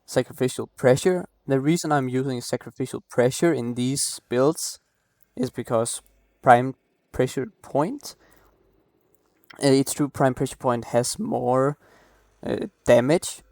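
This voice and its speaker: Man, late-night game build walkthrough, rambling, apologetic, coughing, mid pitch, dry close mic. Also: unhurried, darkish tone, no room sound. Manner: apologetic, rambling, many restarts. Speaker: gameplay guide creator.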